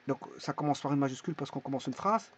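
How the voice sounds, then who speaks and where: A man teaching a language lesson in a casual, halting way, pausing often to think. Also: mid-range voice. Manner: halting, many fillers and restarts. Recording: dull lo-fi recording.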